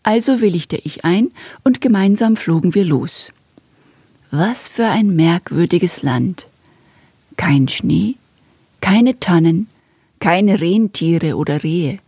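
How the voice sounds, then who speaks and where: A woman narrating a children's story in a calm, gently expressive way, in the first person. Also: on the low side, takes it slowly, slightly rough, no room sound.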